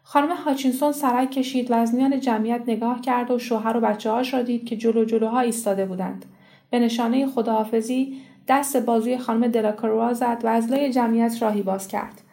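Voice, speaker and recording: A woman reading a short story aloud in a steady, measured storytelling manner. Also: a little high. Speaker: story reader. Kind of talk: scripted audiobook narration.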